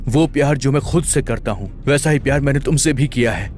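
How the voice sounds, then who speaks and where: A man's voice: medium pitch, a little fast, faint music behind, natural voice. A man dubbing an obsessive lovesick killer. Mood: pleading devotion. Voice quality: soft, pleading, breaks into cries. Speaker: dubbing actor. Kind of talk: Hindi-dubbed horror film acting.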